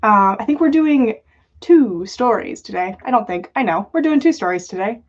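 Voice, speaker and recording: A woman podcast host runs a casual livestream where she chats and jokes playfully with viewers, her voice a little high and animated at a normal speed. The livestream audio sounds dull and lo-fi.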